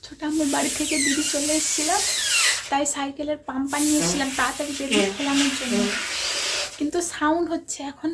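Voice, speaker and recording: A woman with a Bengali accent vlogging in a hushed, stumbling near-whisper. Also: high-pitched, steady tone, quick pace, very noisy. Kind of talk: casual vlog narration.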